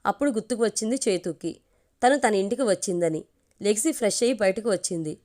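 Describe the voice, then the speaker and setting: Woman storyteller reading an audio story, even and steady, middle pitch. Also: fast talker.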